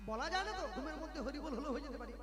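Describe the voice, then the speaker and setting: A man with a very high, ringing voice preaches and chants a devotional kirtan. He exhorts the crowd and leads loud call-and-response chanting over heavy, loud musical accompaniment. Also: lively intonation, rapid-fire, music in the background.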